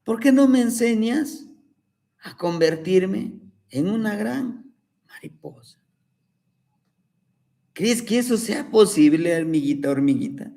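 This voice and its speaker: A man's voice: high voice, lively intonation, slow pace, creaky, pauses often, dark tone, voice pushed up, full character voice. Man doing an earnest dreamer caterpillar boy. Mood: pleading. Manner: earnest, pleading storybook voice. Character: young brave male caterpillar, dreamy and pleading.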